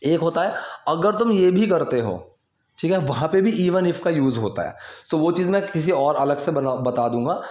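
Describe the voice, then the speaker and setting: Man slowly teaching English sentences, echoey. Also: fairly high pitch, lively intonation. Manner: repeats English lines slowly, checks in with questions. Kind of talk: explaining English sentences to learners. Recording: echoey lo-fi room sound.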